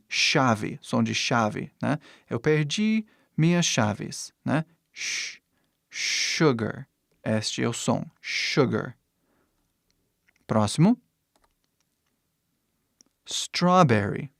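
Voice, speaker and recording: Slow, patient male language teacher. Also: medium pitch, vocal fry, no room sound, studio quality. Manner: patient, repeats words slowly and adds little checks of understanding. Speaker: English teacher. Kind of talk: vocabulary lesson explaining words and pronunciation.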